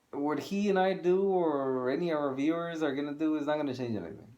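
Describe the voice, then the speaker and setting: A man's voice: a little high, lively intonation, fairly quick, a little mellow, muffled recording. Blunt man on a casual rant. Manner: blunt, swearing, repeats himself for emphasis. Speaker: co-host of a video channel.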